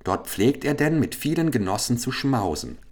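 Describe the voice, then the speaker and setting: A man's voice: medium pitch, big pitch swings, normal speed, a little mellow, pitched above the performer's own voice. A lonely enchanted owl princess, female and sorrowful, her voice lifted well above the reader's own as a man puts her on. She pleads in a plaintive way, a figure from a storybook reading.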